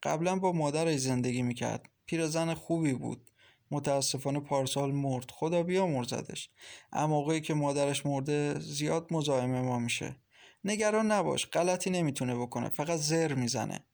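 A man voicing a sharp-tongued, protective young woman in a storybook reading, raising his voice for her blunt, scolding lines. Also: a little high, creaky. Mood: reassuring.

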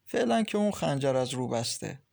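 A man's voice: mid-range voice, big pitch swings, vocal fry. A man voicing a troubled pregnant young wife. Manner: sad, hesitant, complaining quietly. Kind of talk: audiobook character reading.

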